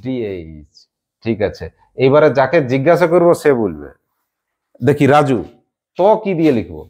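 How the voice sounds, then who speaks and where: A man's voice: medium pitch, big pitch swings, normal speed, darkish tone. A male teacher runs a classroom lesson, calling pupils by name and praising each answer. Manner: encouraging, quizzing pupils by name.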